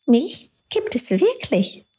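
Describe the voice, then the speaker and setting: Lumo, a woman voicing a gentle little light. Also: sits high, sing-song, slow, pitched above the performer's own voice, heavily acted. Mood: gentle, caring. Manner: soft, comforting, encouraging. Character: tiny kind talking light, gentle and caring.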